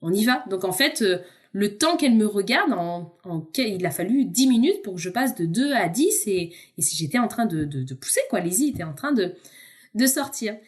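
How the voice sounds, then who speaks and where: A woman's voice: medium pitch, sing-song, normal speed. A woman who is a podcast guest, telling a personal story in a candid, conversational way and addressing the host informally. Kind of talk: personal storytelling in a casual chat.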